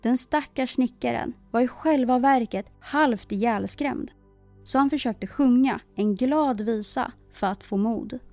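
A woman reading a children's fairy tale aloud in an expressive storyteller style. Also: on the high side, no room sound, soft background music. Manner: expressive, emphatic repetition.

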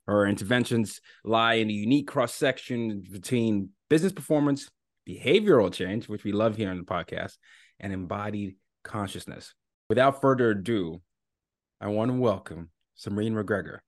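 A man's voice: lowish voice, animated, moderate pace, no room sound, studio quality. A man hosting a podcast who introduces his guest and asks eager questions, often restarting his sentences. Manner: laughs easily, eager, stumbling restarts. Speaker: podcast host. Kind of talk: podcast interview.

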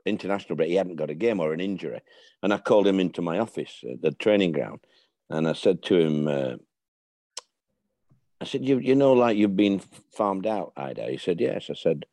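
In a low, mellow voice, an older ex-football manager spins casual anecdotes, slipping into the voices of the people he's describing. The audio is dry and close-miked, with no room sound around him.

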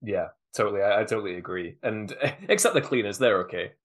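A man's voice: fairly low pitch, fast. A man who is a guest on a podcast, chatting casually in an easygoing, jokey way.

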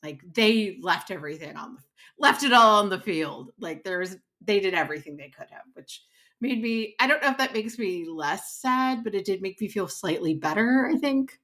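A woman's voice: mid-range voice, lively intonation, moderate pace, bright, forceful tone. A woman co-hosting a podcast in casual chat, rambling and laughing often. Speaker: podcast co-host.

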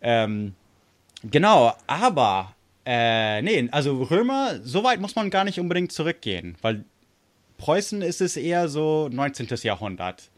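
This man's voice sits a little high and is very animated, moving at a measured pace. An American native English speaker, he talks casually about history in German for a podcast, groping for words and dropping in English terms.

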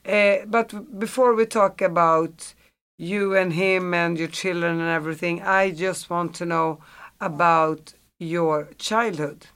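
A woman's voice: on the low side, steady tone, unhurried, a bit bright, clean tone. Woman hosting a casual interview. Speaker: interview host.

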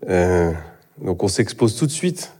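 A man's voice: low-pitched, sing-song, measured pace, a little mellow. A middle-aged man, an actor, talking in a live interview on a theatre stage, hesitant, with many fillers and restarts. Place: theatre stage before an audience.

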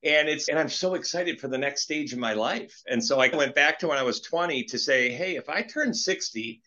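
A man's voice: a little high, a little fast, dull audio. Earnest rambling man in his late fifties. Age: 50s. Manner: earnest, rambling, animated storytelling. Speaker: guest entrepreneur. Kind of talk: casual interview talk.

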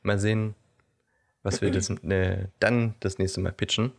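A man with a low, gravelly voice co-hosts a relaxed podcast chat. He jokes around and laughs easily between his sentences. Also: unhurried. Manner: playful, joking, laughs often. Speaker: podcast co-host.

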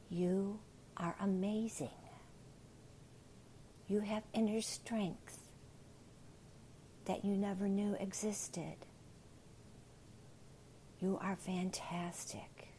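Slow, soft-whispering woman guiding relaxation. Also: mid-range voice, a little hiss or hum, low-quality recording. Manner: soft whispering, unhurried and soothing. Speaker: relaxation guide. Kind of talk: ASMR guided relaxation with affirmations.

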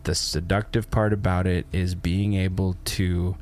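A man's voice: sits low, little pitch movement, measured pace, a little mellow, a little hiss or hum. A man co-hosting a podcast in casual chat, talking in a blunt, profane way. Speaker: podcast co-host.

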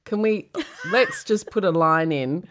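A woman's voice: lowish voice, lively intonation, slow pace. A woman co-hosting a podcast, chatting casually with many exclamations. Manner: warm-hearted, exclaims and reacts often. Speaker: podcast co-host. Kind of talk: casual chat.

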